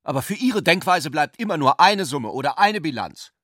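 Man acting out a scornful young zealot, high shouting voice, dry close sound, radio play. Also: sing-song, moderate pace, dry recording. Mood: angry outburst. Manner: shouting in outbursts.

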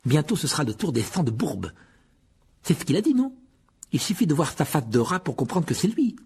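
A man with a raspy voice reading a storybook, voicing a hot-tempered, grumpy schoolboy who sounds sullen and sarcastic. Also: a little high, very animated, a little fast, a little mellow, voice pushed up, full character voice.

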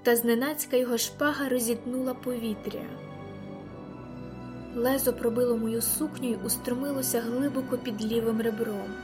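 A woman narrating a first-person novel in an audiobook with vivid, expressive storytelling. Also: a little high, moderate pace, music in the background.

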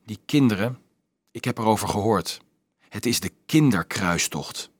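A man reading an audiobook, voicing a quiet young male student who speaks calmly and sorrowfully. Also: on the low side, normal speed, slightly rough, no echo. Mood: grave. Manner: calm, sparing, subdued speech.

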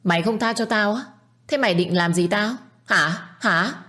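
A woman's voice: fairly low pitch, expressive, moderate pace. A woman voicing a spiteful middle-aged stepmother who screeches insults and taunts. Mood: scolding.

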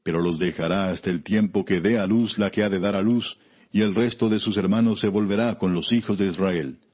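Low voiced guy doing solemn declamatory bible narration, measured, kinda muffled lo-fi radio sound. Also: steady tone. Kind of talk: scripted solemn Bible reading.

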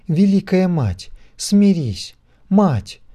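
Guy doing a high-pitched old priestess begging and pleading, mellow tone, storybook reading. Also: lively intonation, a little slow. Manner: fervent pleading cries.

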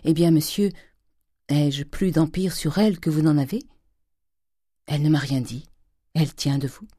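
A woman reading aloud voicing a suffering older wife and mother who pleads softly and slowly with her husband. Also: sits low, steady tone, breathy edge, no echo, clean studio sound. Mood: firm. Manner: soft, pleading, slow.

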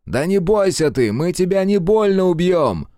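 A man's voice: fairly low pitch, lively intonation, normal speed, a little mellow, dry recording, studio quality, close to an everyday voice. Man playing a blunt, mocking commander. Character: tough male squad commander, blunt and mocking. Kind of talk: audiobook character voice.

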